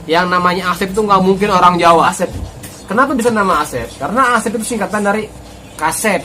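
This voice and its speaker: A man's voice: high-pitched, quick pace, over a noisy crowd. A man from Bogor, a vlogger talking in a playful, joking manner. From Bogor, West Java, Indonesia. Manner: playful, joking, mixes in local phrases. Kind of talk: casual comedic monologue.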